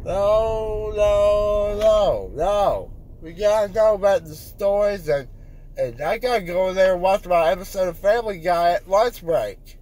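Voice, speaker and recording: A man's voice: high voice, animated, unhurried, darkish tone. A teenage boy, loopy and groggy after wisdom teeth surgery, rambling insistently and repeating himself in casual chat. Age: teenager, fifteen. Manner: insistent, repetitive, unfiltered. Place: inside a car. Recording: noisy car interior.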